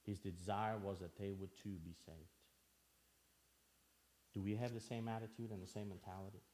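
A man's voice: on the low side, steady tone, moderate pace, warm tone. A man from Albania preaching a sermon in church, earnest, asking the listeners questions and repeating phrases for emphasis.

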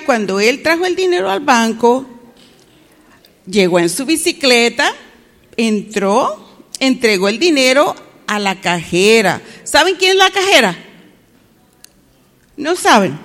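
A woman's voice: sits high, big-room sound. A woman telling a story to children, often stopping to ask them questions. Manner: asks the children questions, animated.

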